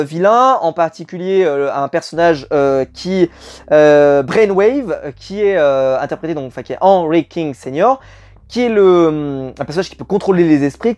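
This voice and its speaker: A young man reviewing a TV series in casual talk, rambling with many fillers and repeated words. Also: on the high side. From France.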